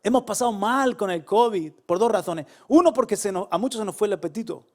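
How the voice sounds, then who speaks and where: A middle-aged male pastor with a Spain Spanish accent preaching a sermon, swinging from loud calls to soft asides and laughing at his own stories. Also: high-pitched, fairly quick.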